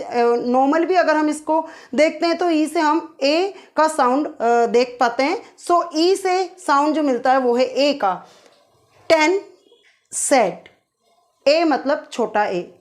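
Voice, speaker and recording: A woman teaching phonetic symbols, who asks her students questions, answers them herself and draws out sounds to demonstrate them. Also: high voice. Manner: repeats key points as quiz questions and answers them. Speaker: English teacher.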